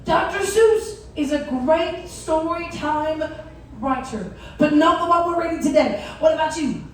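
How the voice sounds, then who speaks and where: Female children's stage host, cruise director type. Very high voice, animated and interactive, picked up in a big reverberant hall. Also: measured pace. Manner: animated, addresses children in the audience with questions and prompts. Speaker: cruise director hosting a story time. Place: indoor theatre on a cruise ship. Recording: very echoey theatre, distant mic, faint noise.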